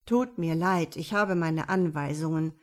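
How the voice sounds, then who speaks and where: A woman voicing a stiff, condescending male bank clerk with forced politeness and a flat, monotone delivery. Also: medium pitch, a little slow, natural voice. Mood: dismissive.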